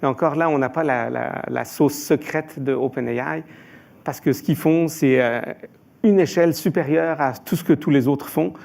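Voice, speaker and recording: A man's voice: a little high, normal speed, gravelly, darkish tone. A man from Iran answering as an expert panelist, hesitant, with frequent filler sounds and restarts.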